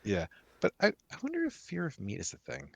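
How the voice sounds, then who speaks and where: A man's voice: medium pitch, wildly swooping pitch, fairly quick, gravelly, no room sound. A man co-hosting a live game stream, chatting casually, musing aloud and laughing often. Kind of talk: casual chat.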